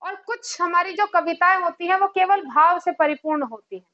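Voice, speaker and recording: Woman, Hindi teacher, very high voice, rhetorical questions and check-ins, online lecture, muffled lo-fi sound. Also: moderate pace. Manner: chants verse examples in a sing-song rhythm. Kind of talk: online exam-prep lecture.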